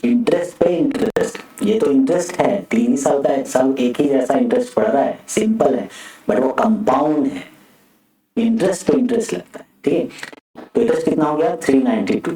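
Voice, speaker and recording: Male teacher, exam-prep maths lecture, chatty and joking, mellow voice, roomy echo. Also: medium pitch, animated, moderate pace. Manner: chatty, joking asides while working problems. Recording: echoey room, far from mic.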